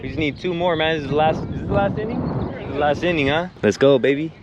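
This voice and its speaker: A fast-talking, expressive young man with a fairly high pitch vlogs casually from his car and outdoors at a ballfield, and the audio sounds dull. His laid-back, slangy chat to viewers is recorded over loud road and outdoor noise.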